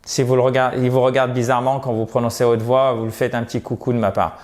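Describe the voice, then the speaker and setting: A man teaching English vocabulary as a lesson to camera, repeating words slowly and chatting between pronunciation drills. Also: mid-range voice, level tone, darkish tone. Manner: slow, drawn-out pronunciation drills, chatty asides.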